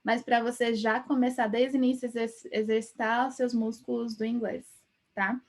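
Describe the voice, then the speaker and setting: A woman's voice: on the high side, level tone, normal speed. A young woman with an interior São Paulo accent, teaching a chatty live-stream lesson and ending lines with tag questions. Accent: interior São Paulo Portuguese. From Brazil. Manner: chatty, lots of tag questions, laughs often. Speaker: English teacher.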